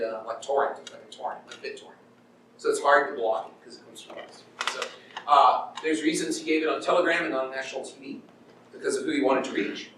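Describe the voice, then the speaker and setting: A middle-aged man with a slightly high, somewhat bright voice gives a conversational university lecture to an audience, performing paraphrased quotes and checking in as he goes. Captured from a distance in a very echoey lecture room with background noise.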